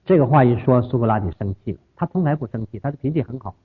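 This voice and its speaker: Male lecturer retelling a story with emphatic repetition and animated pitch over a tinny line. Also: racing. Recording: husky lo-fi phone-like audio.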